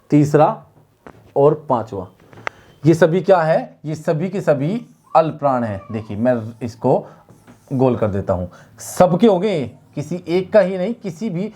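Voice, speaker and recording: Male teacher, slightly high voice, drilling students with repeated questions. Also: dark tone. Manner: repetitive, questioning, drills students on sounds aloud. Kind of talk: online exam-prep lesson.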